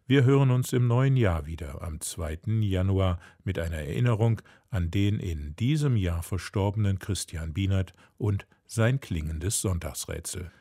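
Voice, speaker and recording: A man as radio host, calmly reading a formal scripted announcement. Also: low-pitched, no echo, studio quality. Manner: calm, formal.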